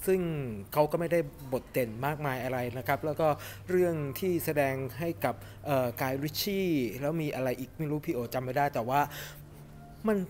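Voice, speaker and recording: A middle-aged man giving a casual, animated film review to camera in a cinema lobby, chatting with lots of fillers. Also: fairly high pitch, brisk, a little hiss or hum. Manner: chatty and animated, refers to himself by nickname, many fillers. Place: cinema lobby in front of a movie poster, indoors.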